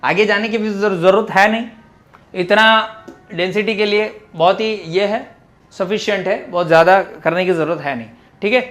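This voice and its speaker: A fairly bright, notably high-pitched male voice delivers a chemistry class lecture. The teacher breaks down every point in order, mixes in technical content, and regularly checks in on whether the students have understood.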